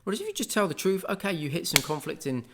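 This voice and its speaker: A man's voice: a little high, sing-song, fast talker, background noise. A man, hosting a casual spoken monologue in a rambling, conversational way full of asides. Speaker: podcast host.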